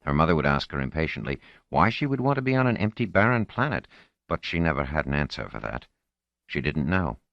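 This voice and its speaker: A man reading a novel aloud as an audiobook narrator, with expressive storytelling delivery. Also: rumbling low, a little fast, creaky, dry recording. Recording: dull lo-fi, dry close recording.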